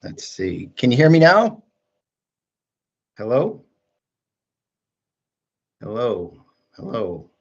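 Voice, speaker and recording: Guy on a video call that isn't going through, talking slow, muffled lo-fi call line. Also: mid-range voice, sing-song. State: struggling with a call that is not coming through. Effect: video call audio. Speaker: planning consultant. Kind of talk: remote public comment.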